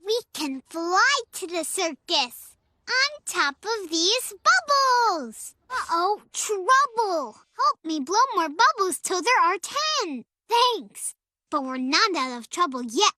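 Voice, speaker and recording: A cheerful young girl elephant from a preschool cartoon, who speaks in a very high, sparkling voice. She talks unhurriedly and sing-song to the viewer, her pitch leaping up and down, all in a dry, close studio sound. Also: big pitch swings, slow, sharp tone, no echo, heavily acted. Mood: excited. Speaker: voice actor.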